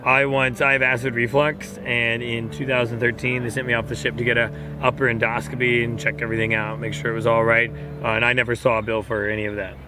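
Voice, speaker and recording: A man's voice: medium pitch, level tone, quick pace, few pauses. An upbeat man hosting a casual question-and-answer session as a cruise director, talking conversationally. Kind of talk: casual Q&A chat, reading questions aloud. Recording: music playing behind the voice. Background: music.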